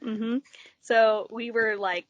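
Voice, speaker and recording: A woman in her twenties from Texas, a podcast guest telling stories in an animated way, filling with "like" often. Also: a little high, slow, no room sound, lo-fi sound. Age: 20s. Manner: animated storyteller, says "like" a lot. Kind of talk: casual chat.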